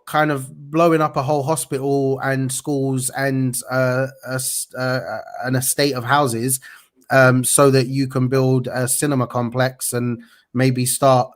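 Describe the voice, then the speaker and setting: A man hosts an independent news show in a mid-pitched voice. He speaks earnestly, halting with fillers and restarts as he gathers his thoughts. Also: level tone. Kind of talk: interview talk.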